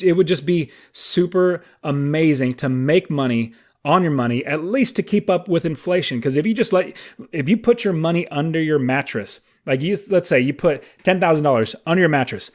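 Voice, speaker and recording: A man in his late thirties hosts a solo podcast, speaking enthusiastically and conversationally with emphatic asides. His voice is a little high.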